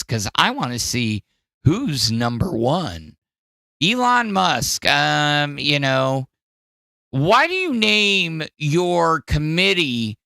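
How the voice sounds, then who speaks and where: A man hosting a podcast in casual, profane commentary, animated and jumping between loud outbursts and mumbles. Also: on the high side, vocal fry, no echo. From Wisconsin. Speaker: podcast host. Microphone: studio mic in front of green screen.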